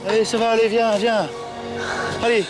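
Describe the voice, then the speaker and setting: An actor playing a sarcastic, grumpy, unbothered boyfriend in a scripted couple comedy, with an offhand, dry delivery. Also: male voice, very high-pitched, little pitch movement, normal speed, over loud music. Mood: impatient.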